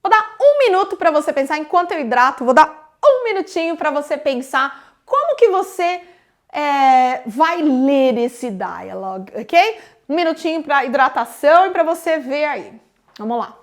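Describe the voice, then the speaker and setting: A woman's voice: high-pitched, big pitch swings, moderate pace. A woman with a Brazilian Portuguese accent teaching English in a live online lesson, explaining step by step and often adding "né?". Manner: explains step by step, tags sentences with "né?".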